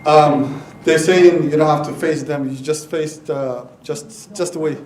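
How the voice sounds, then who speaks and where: High-pitched man directing a room. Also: fairly even intonation, a little slow, low-quality recording. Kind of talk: informal instructions to a room. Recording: audience chatter behind the voice.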